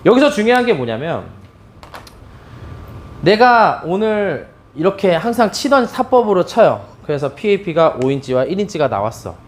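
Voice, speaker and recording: A man's voice: high-pitched, normal speed. A middle-aged man, a bowling pro, giving an instructional demonstration, with frequent cues to his viewers as he explains. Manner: lively, animated explaining with many "자" cues.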